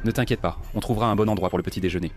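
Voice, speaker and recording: Rapid-fire and fairly low in pitch, a man talks over music while hosting a cycling vlog, riding along and touring a small shop. His casual on-the-ride chat is enthusiastic and chatty, with "regarde" cropping up repeatedly.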